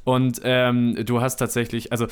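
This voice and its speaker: A man's voice: medium pitch, completely flat delivery, moderate pace, smooth. A young man chatting casually as a podcast co-host, hesitant and full of filler sounds. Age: young adult.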